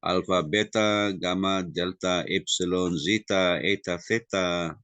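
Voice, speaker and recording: A man teaching a Greek review class. He mixes Tagalog and English, uses many fillers and tag questions, and slows down to spell out sounds. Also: low voice, steady tone, a bit bright, no room sound. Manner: spells out sounds slowly and deliberately.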